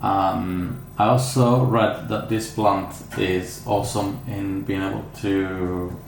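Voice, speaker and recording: A man's voice: sits low, steady tone, slow, vocal fry. A man with an Italian accent, an orchid grower chatting casually through an unboxing, hesitant with many fillers and restarts. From Italy. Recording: echoey room with faint ambient noise.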